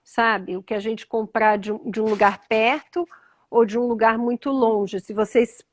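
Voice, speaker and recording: A woman with a Brazilian Portuguese accent, gently questioning children in a thoughtful, conversational way and often echoing their answers. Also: fairly high pitch, fairly even intonation, moderate pace. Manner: thoughtful, repeats answers back, lots of "né?". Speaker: interviewer.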